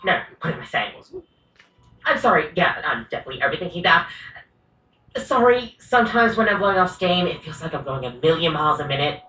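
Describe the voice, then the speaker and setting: A woman's voice: lowish voice, lively intonation, a little fast, pushed and bright, roomy sound, far from the mic, low-quality recording. A woman voicing a rambling, coffee-obsessed female coffee machine barista in a video game, often apologizing and correcting herself.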